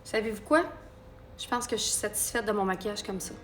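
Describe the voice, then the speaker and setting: A woman's voice: mid-range voice, fairly even intonation, a little fast, faint music behind. A woman with a Québécois accent giving a chatty live makeup tutorial and talking viewers through each step. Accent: Québécois French. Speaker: makeup artist.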